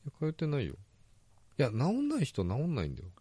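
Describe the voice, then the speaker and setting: Man, casual podcast chat, relaxed with low murmured asides, dry close mic. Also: quick pace, husky, no room sound. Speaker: podcast co-host.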